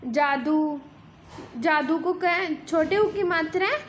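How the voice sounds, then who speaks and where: A woman's voice: very high voice, takes it slowly, slight background noise. A woman school teacher giving a lesson in Hindi, explaining step by step and asking and answering her own questions. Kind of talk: online class lesson.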